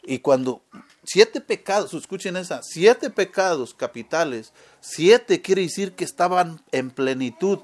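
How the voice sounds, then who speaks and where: Male preacher with a higher voice, leans on "right?" questions to the audience. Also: animated, unhurried. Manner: keeps asking the audience "¿verdad?"; asks questions and answers them himself. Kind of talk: sermon.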